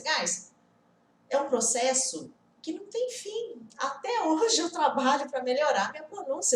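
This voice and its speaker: A woman's voice: fairly high pitch, roomy sound, slight background noise. A woman in her forties teaching an online English lesson in a chatty way, asking the viewer many rhetorical questions.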